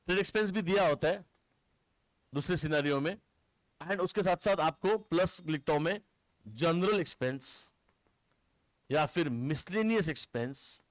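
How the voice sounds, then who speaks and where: A man's voice: fairly high pitch, dry recording. A man teaching accounts to a class, quizzing his students and mixing terms into his speech. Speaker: commerce teacher. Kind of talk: classroom lecture.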